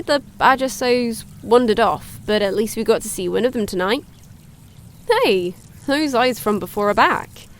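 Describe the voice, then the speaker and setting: An actress playing a cheerful young woman hosting a woodland wildlife livestream, chatty and excitable. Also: mid-range voice, slight background noise, close to an everyday voice. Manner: chatty, excitable, gasps at sightings. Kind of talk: audio drama, chatty live-stream narration.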